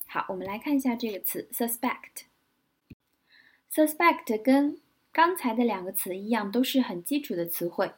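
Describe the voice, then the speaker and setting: Husky woman teaching English vocabulary. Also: fairly high pitch, animated. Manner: spells words out letter by letter, repeats example sentences slowly. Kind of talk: vocabulary lesson.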